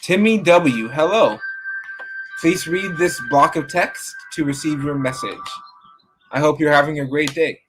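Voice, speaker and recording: A man's voice: a little high, unhurried, over music, low-quality recording. A man giving a casual, rambling live-stream reading, talking to his viewers by name. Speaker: online rune reader.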